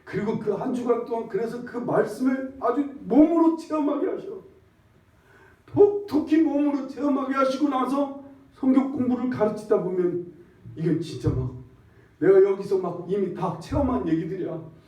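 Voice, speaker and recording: A man's voice: very high-pitched, moderate pace. Man preaching in an echoey church. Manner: conversational preaching, swinging from loud emphatic exclamation to hushed near-whisper. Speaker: pastor. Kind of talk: sermon. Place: church sanctuary. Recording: echoey dull church recording from far off.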